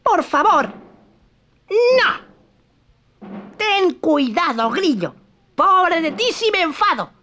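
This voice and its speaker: A storyteller voicing a mischievous, lying wooden puppet boy in a shrill, squeaky voice, whiny and impulsive. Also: very animated, takes it slowly, pauses often, bright, forceful tone, a little hiss or hum, heavily acted. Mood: defiant. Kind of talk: storybook reading.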